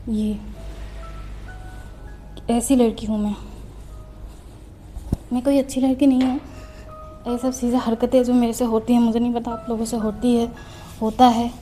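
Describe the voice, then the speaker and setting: A woman's voice: fairly high pitch, mellow. A young woman student chatting casually while tidying her study desk, self-mocking and a little out of breath. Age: young adult. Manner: chatty, self-mocking, mixing in English phrases. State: slightly out of breath. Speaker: student vlogger. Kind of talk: casual desk tour chat. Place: her study room at home.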